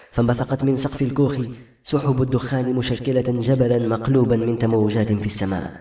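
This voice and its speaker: A man narrating a fantasy novel as an audiobook in a steady storytelling manner. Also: mid-range voice. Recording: roomy echo with soft music.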